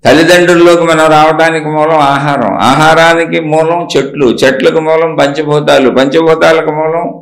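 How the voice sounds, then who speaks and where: A man's voice: fairly high pitch, flat delivery, normal speed, gravelly, hardly any pauses, roomy sound. A man giving a spiritual discourse, asking rhetorical questions and answering them himself in a repetitive, emphatic teaching cadence.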